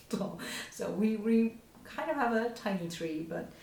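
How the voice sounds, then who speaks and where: A Dutch woman in her thirties hosts a knitting podcast, chatting casually in show-and-tell fashion with a hesitant delivery full of fillers, restarts, and frequent small laughs. Her mid-range voice is expressive, slightly mellow, and slow, with some vocal fry. The room is echoey, with a faint background hiss.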